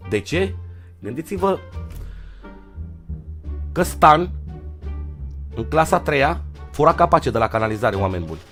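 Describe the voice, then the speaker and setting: A young man from Romania's Giurgiu area telling a comic storytime tale in slang, swinging from loud outbursts to low mutters. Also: sing-song, long pauses, soft background music. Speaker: vlogger.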